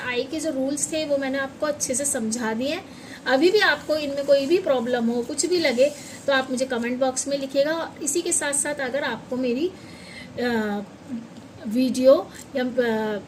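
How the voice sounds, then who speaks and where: A woman's voice: sits high, a little hiss or hum. A woman teaching pronunciation in a classroom-style lesson, patiently spelling out words letter by letter and quizzing her students. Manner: patient, repeats and asks the students questions.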